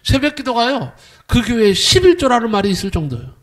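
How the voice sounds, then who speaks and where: Bright high-voiced preaching man. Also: very animated, fast talker. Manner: emphatic preaching with rhetorical questions; acts out quoted voices with sudden swings in loudness. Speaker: pastor. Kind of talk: sermon.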